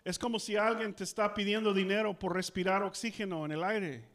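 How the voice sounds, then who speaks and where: A man's voice: high voice, fairly even intonation, fairly quick, a bit bright. A male pastor with a South Texas Spanish accent, preaching a sermon that switches between Spanish and English and leading the congregation in call-and-response. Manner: repeats each point in both languages, leads call-and-response. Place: church.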